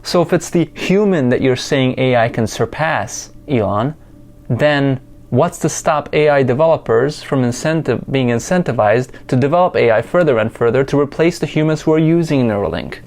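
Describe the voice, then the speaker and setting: A man ranting to camera in an opinion video, swearing often and emphatic, with sarcastic loud outbursts and muttered asides. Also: mid-range voice, expressive, moderate pace. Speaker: video essayist.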